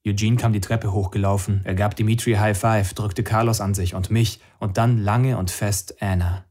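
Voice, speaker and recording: A man reading a novel aloud in calm, measured scripted narration. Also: fairly low pitch. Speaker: audiobook narrator.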